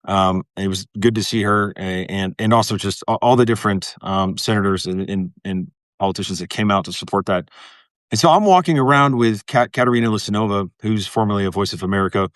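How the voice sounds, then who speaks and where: A man's voice: lowish voice, fairly quick, no echo. Male guest, casual, rambling delivery with frequent restarts; dry close recording. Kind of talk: casual interview talk.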